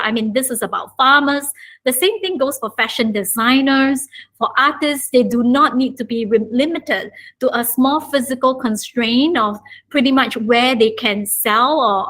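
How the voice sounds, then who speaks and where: Woman running a panel, kinda high voice, says you know a lot. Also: a bit bright. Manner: many "you know" fillers. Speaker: panel moderator. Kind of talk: casual panel talk.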